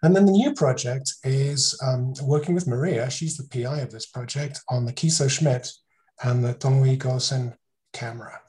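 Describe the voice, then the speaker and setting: A man presents research over a video call in an easygoing, conversational way. He poses rhetorical questions and corrects himself mid-sentence. His voice sits at an ordinary middle pitch. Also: moderate pace, darkish tone. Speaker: conference speaker.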